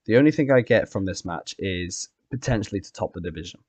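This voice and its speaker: Low-voiced man hosting a casual recap. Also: animated, fast, darkish tone, no room sound. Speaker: podcast host and competitive player. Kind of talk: casual recap and predictions chat.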